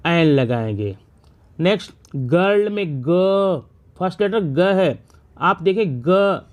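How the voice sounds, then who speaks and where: High-voiced male teacher, step by step. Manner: explains step by step, asks and answers his own questions. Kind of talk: classroom grammar lesson.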